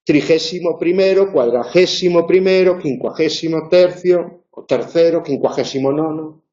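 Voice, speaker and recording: Male lecturer, chatty and wry with lots of fillers, mellow voice in an echoey room. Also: a little high, moderate pace. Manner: chatty, wry asides, many fillers and restarts. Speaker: university lecturer. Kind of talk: informal tutoring lecture. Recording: dull roomy classroom recording.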